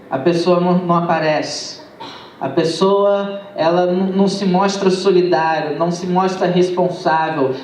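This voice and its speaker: A man's voice: sits high, darkish tone, distant mic, a little hiss or hum. A man with a Brazilian Portuguese accent preaching a sermon, telling a testimony and calling the congregation his brothers. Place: church sanctuary. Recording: echoey church, heard from afar.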